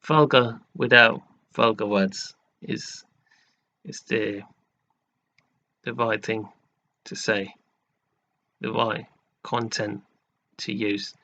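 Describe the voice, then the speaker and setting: A man in an aggrieved, halting vlog rant who keeps repeating himself and restarting his sentences. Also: on the low side, steady tone, bright, forceful tone, highs cut off. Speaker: vlogger. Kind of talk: slow, halting rant to camera.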